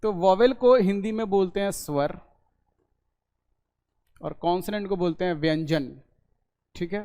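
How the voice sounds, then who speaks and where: A man teaching a basic language class in a video lesson. He explains slowly, drawing out sounds and checking in after each point. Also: high-pitched, warm tone. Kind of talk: online class lecture. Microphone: recorded for a video lesson.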